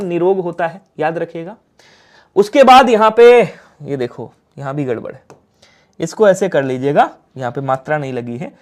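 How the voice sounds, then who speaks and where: Lively Hindi-speaking man teaching a class. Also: high voice. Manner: lively, coaxing, asks questions and answers them himself. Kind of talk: live online exam-prep class.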